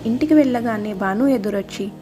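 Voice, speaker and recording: A woman reading a story aloud as a storyteller, steady and scripted. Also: a little high, brisk. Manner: reads all characters' lines in her own voice. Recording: soft background music.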